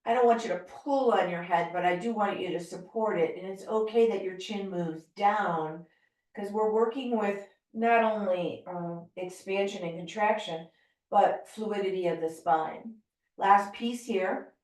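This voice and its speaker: A middle-aged American woman leading a yoga class, calmly and gently cueing breath and movement. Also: mid-range voice, unhurried. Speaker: yoga teacher. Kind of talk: guided yoga class instruction. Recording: very echoey room, voice from far off.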